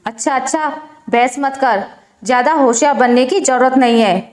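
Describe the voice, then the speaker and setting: A woman's voice: sits high, normal speed, natural voice. A woman voicing a stern older mother-in-law who scolds sharply and nags, in a spoken moral story. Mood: scolding. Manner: sharp, nagging. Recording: roomy echo.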